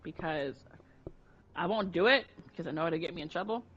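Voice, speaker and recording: Over dull lo-fi audio with faint music, a woman co-hosts a casual chat, speaking candidly and rambling with lots of restarts. Her voice is fairly low and fairly bright, and she talks briskly.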